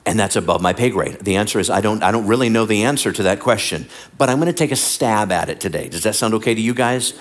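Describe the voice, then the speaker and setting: A male pastor delivering a lively sermon, sometimes acting out the lines he quotes. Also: fairly low pitch. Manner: animated, acts out voices and quotes. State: bad back.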